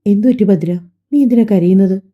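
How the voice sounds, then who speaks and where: A woman voicing a gentle, loving husband. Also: mid-range voice, brisk, close to an everyday voice. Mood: worried. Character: loving middle-aged husband, gentle and protective. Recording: dull lo-fi recording.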